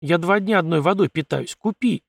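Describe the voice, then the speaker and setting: A man doing a whiny little scavenger, gravelly. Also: on the high side, lively intonation, fairly quick, no echo, studio quality. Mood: grumbling. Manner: grumbling, sullen, pleading. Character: whiny, suspicious little male desert scavenger.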